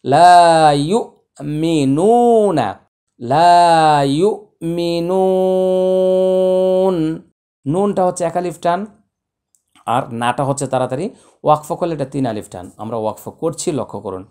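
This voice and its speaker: A man teaching Quran recitation, spelling out letters slowly and then chanting the words in long, drawn-out tones. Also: fairly high pitch, lively intonation, darkish tone. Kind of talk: tajweed lesson.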